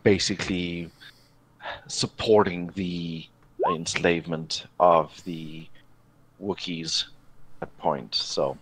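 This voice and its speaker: A man running a tabletop role-playing game over voice chat, narrating slowly with many fillers and restarts. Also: sits low, fairly even intonation, fairly bright tone, breathy edge, no room sound, rough recording. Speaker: game master.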